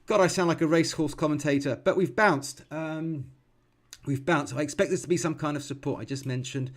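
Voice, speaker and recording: A man in his forties talks through a live trading session at a desk mic, calm and explanatory. His voice sits a little high for a man, and he thinks aloud with many ums and quick self-corrections. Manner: calm, explanatory, teaching as he watches. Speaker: futures trader streaming live.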